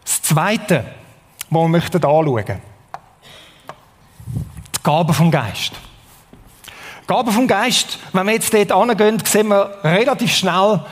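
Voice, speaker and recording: Swiss preacher with a high voice in a reverberant hall. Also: male voice, lively intonation, slow pace, pauses often. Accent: Swiss German. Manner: conversational, asks the audience questions. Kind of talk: sermon.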